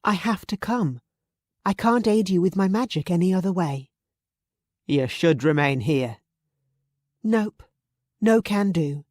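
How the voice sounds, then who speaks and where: A woman's voice: fairly low pitch, a little slow, long pauses, a little mellow, no room sound, pitched above the performer's own voice. A woman narrator voicing a headstrong, playful young woman in a romance audiobook, bold and teasing. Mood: teasing, insistent.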